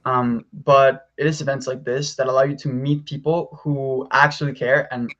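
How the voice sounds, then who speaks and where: A man's voice: medium pitch, little pitch movement, normal speed, a bit bright, muffled recording. A young man from Mexico, a youth delegate, speaking earnestly with frequent ums over a video call. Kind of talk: online presentation.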